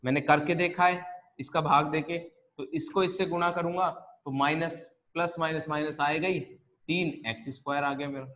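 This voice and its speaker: A man's voice: fairly high pitch, fairly even intonation, normal speed, a bit bright. Man teaching math, step by step. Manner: repetitive, step-by-step explaining with rhetorical questions. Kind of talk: online math lesson.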